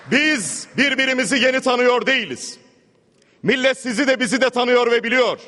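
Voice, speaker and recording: A man's voice: extremely high pitch, bright, forceful tone. A man delivering a formal, emphatic parliamentary speech at a rostrum microphone in a large chamber. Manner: emphatic, repetitive oratory. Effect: speaking at a rostrum microphone. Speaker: member of parliament. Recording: long hall reverb.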